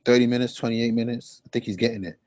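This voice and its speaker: A man's voice: medium pitch, fairly even intonation, fast, darkish tone, dry recording. A man giving a casual fantasy sports breakdown, thinking aloud and repeating his picks. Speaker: daily fantasy sports analyst.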